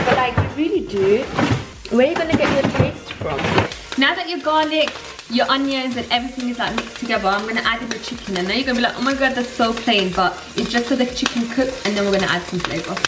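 A woman's voice: on the high side, recorded from a distance. A young woman, chatting to viewers while she cooks in a home kitchen. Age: young adult. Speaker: vlogger. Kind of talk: casual cooking vlog. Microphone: camera mic on the counter. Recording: echoey kitchen, voice off-mic, music behind.

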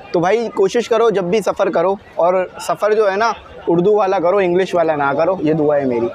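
A young man with a Pakistani Urdu accent vlogs casually while standing on a station platform. His fairly high voice keeps calling his viewers brother and fills the gaps with loose fillers. He is recorded on a small lapel mic, with faint station noise behind him. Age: young adult. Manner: chatty, addresses viewers as "bhai" often, frequent fillers. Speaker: vlogger. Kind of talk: casual vlog to camera. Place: outdoor railway station platform.

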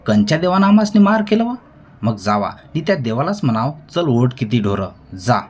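Man voicing a proud village laborer, sharp and defiant. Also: medium pitch, animated, moderate pace, husky. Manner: bold, sharp, retorting.

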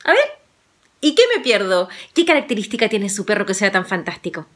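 A woman's voice: medium pitch, very animated, a little fast, fairly bright tone. A woman storyteller voicing an eager young country lad who exclaims in wide-eyed wonder. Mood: marveling.

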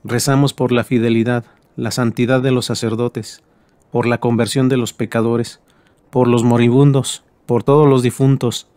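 A man leading a recited rosary in a steady, measured prayer voice. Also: mid-range voice, no room sound. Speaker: prayer leader.

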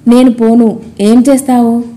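A woman's voice: a little high, little pitch movement, a little slow, mellow, natural voice. A woman reading as a teasing male hill spirit. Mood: taunting.

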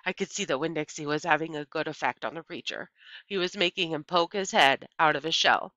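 In a low voice, a middle-aged woman gives a scripted read-aloud of a children's novel, sounding like a teacher as she stresses key words and tells the story deliberately and expressively. Recorded in a small room with bookshelves, the audio has no echo but is dull and lo-fi from a computer mic.

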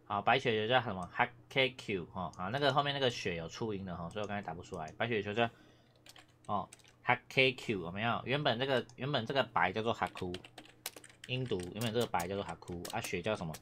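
男老师，低沉嗓音，不停念叨的讲课. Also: male voice, fairly low pitch, fast talker, bright, forceful tone, a little hiss or hum. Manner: rambling, repeats words, frequent "哦" and "哈" fillers; coughs now and then. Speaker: Japanese language teacher. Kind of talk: casual classroom lecture.

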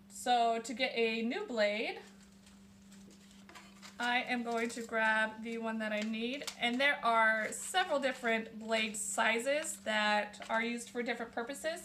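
A young woman hosts a casual woodworking how-to in her small home workshop, chatting as she shows off her tools. Her voice is fairly high, steady and a bit bright, and she takes it slowly. A camera on the bench picks her up closely, with slight background noise.

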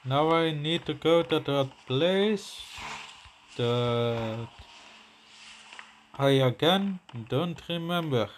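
Goofy young man, higher voice. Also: animated, very slow, long pauses, slight background noise. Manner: silly, goofy, talks about himself in the third person. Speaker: gameplay commentator. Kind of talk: playful let's-play commentary.

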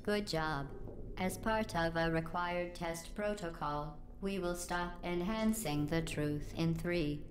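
A woman voicing a cold, polite female computer that runs test chambers, heard through a robotic, glitchy voice filter, delivering deadpan clinical announcements. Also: fairly low pitch, slow, background noise. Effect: robotic, glitchy processed voice filter. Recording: echoey, distant, under game music.

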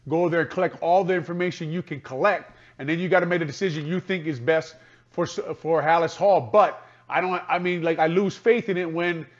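A man's voice: fairly high pitch, fairly even intonation, brisk. Frustrated male radio analyst on a dull line. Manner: frustrated, repetitive, restarts often. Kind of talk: postgame radio talk.

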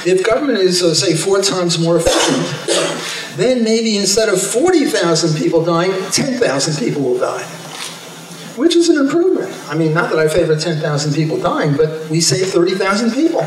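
Heard far from the mic, an older man's high, sing-song voice moves at a moderate pace with a slight hiss or hum. He's an economist on a hotel ballroom stage, chatting informally at a convention with a handheld mic and wry, self-amused asides, recorded with echo from the camera.

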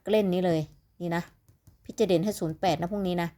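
A woman's voice: lowish voice, fairly even intonation, fast, mellow. Chatty Isan woman tipping lottery numbers. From Northeastern Thailand (Isan). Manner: chatty, rambling, calls viewers "little siblings". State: sleepy. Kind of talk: casual chat to viewers.

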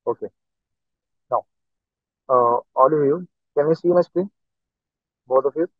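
A man's voice: a little high, unhurried, dry recording. A male instructor giving an online lecture, heard through a screen recording of the class, walking through each step and saying "okay" again and again. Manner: explains step by step, says "okay" constantly. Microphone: computer mic on a video call. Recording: tinny dry online call audio.

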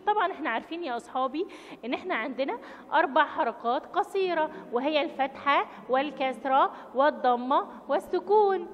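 A high-pitched woman speaks with an Egyptian Arabic accent, teaching young pupils and drawing out each syllable with clear emphasis. Her voice carries a long reverb, and a faint noise sits behind it. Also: a bit bright. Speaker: primary school teacher. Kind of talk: children's reading lesson. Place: school classroom or room.

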